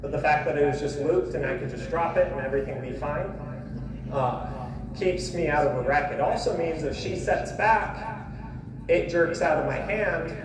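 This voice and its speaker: Higher-voiced American man, echoey and distant. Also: moderate pace, crowd noise. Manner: folksy, plain-spoken. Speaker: horse trainer giving a demonstration. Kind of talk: casual spoken instruction while working. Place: live horse-trailer loading demonstration. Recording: distant, echoey, noisy live demo audio.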